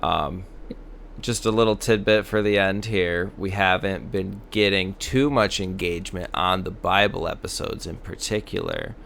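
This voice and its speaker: A man's voice: sits low, fairly even intonation, normal speed, gravelly, a bit bright, a little hiss or hum. A man co-hosting a casual podcast about Bible stories, talking in a laid-back, reflective way. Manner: laid-back, reflective, reads the scripture aloud. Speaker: podcast co-host.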